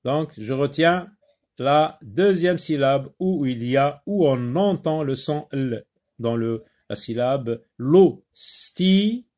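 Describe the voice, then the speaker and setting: A man teaching a phonics lesson to young children, repeating words slowly and hesitating often. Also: medium pitch, a little mellow. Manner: slow and deliberate, repeats words and syllables; frequent hesitations with euh.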